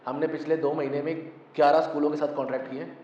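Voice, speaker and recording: With a warm, rather high voice and a flat, fast delivery, a football club founder and coach from Pakistan, in his twenties, speaks emphatically in a relaxed interview, sprinkling in English phrases and frequent "thik hai"s. The audio sounds distant, echoey and muffled, with a faint hum underneath.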